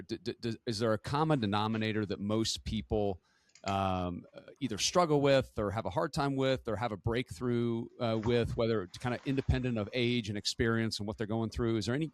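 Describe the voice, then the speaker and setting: Casual low-voiced man hosting a podcast. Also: no room sound. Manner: casual, laughs easily, many restarts. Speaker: podcast host. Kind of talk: podcast interview.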